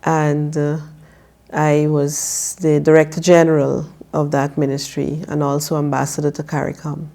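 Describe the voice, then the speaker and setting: A woman in her fifties from Guyana, a political candidate answering interview questions in a measured, careful way with frequent pauses in a TV studio. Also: sits low, completely flat delivery, gravelly, warm tone. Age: 50s.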